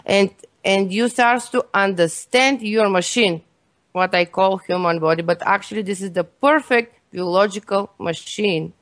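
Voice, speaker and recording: A woman's voice: medium pitch, a little slow, no echo. A Bulgarian woman, a guest health expert, earnestly explaining her views in English with non-native grammar and a Bulgarian accent. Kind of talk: interview answers.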